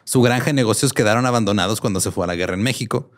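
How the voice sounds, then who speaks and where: Man, Mexican Spanish accent, lowish voice, casual storytelling, laughs a lot, slangy asides. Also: rapid-fire. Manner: reads quotes aloud, laughs often, slangy asides. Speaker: podcast co-host telling a history story. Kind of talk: casual comedic history chat.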